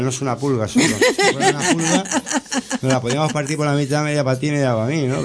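Brief: gravelly-voiced man, middle pitch, rambling interviewee who halts and restarts often. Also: darkish tone. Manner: rambling, halting, with many restarts and tag questions. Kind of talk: casual storytelling.

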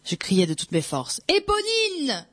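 A reader narrating a first-person literary novel aloud in a slow, measured, dramatic way. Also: mid-range voice, darkish tone, no room sound. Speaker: audiobook reader.

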